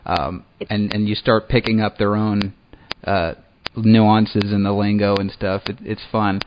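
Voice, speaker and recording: A man hosting a casual interview, relaxed and hesitant, often restarting his sentences. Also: fairly low pitch, measured pace. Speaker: interview host. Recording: muffled lo-fi audio with faint noise.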